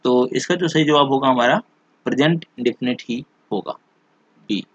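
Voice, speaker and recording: A male teacher explaining English exam questions in Hindi, reading the example sentences out slowly and often checking back with "theek hai". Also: mid-range voice, no echo, highs cut off.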